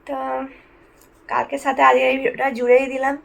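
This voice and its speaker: A woman's voice: high voice, level tone, brisk, vocal fry, low-quality recording. Chatty woman vlogging at home. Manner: chatty, addresses viewers as friends. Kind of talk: casual home vlog narration.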